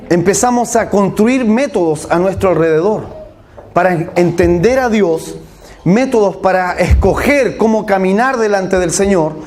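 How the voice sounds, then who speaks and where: A man's voice: high-pitched, a little mellow. A man preaching a sermon in a conversational way, often checking that his listeners follow him and acting out what others say. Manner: conversational, checks in with listeners, acts out quoted voices.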